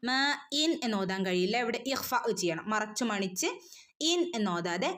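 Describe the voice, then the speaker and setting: A woman teaching an online Quran recitation lesson, patiently explaining rules between slow chanted verses. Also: mid-range voice, a bit bright.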